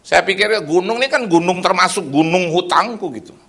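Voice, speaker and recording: A middle-aged man preaching a lively sermon in a church, swinging between loud and soft and adding sound effects. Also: high-pitched, brisk. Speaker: pastor, evangelist.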